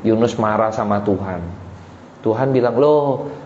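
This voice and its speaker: A man's voice: medium pitch, normal speed, a little mellow, a little hiss or hum. A man pastor preaching a sermon in a casual, chatty way, talking straight to the congregation. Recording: roomy dull hall sound with faint ambience.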